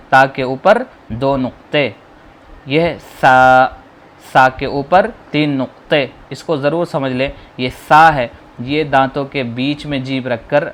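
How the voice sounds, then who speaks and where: A man teaching how to read the Quran, slowly drawing out each letter sound and patiently explaining how to pronounce it. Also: medium pitch. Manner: slow, drawn-out modeling of sounds, explaining patiently. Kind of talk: spoken lesson on letter pronunciation.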